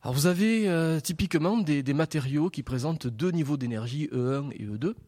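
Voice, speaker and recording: A man's voice: on the high side, lively intonation, fairly quick, darkish tone. A man with a southern French accent from Toulouse, a laser researcher giving a public science lecture to an audience into a wired microphone, joking and explaining with everyday images.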